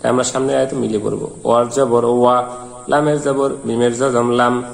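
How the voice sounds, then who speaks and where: A man's voice: medium pitch, steady tone, normal speed, vocal fry. A man teaching Quran reading in Bengali, spelling out letters and vowel marks one by one and then chanting each verse. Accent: Bangladeshi Bengali. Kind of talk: slow spelled-out recitation lesson. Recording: long reverberant hall.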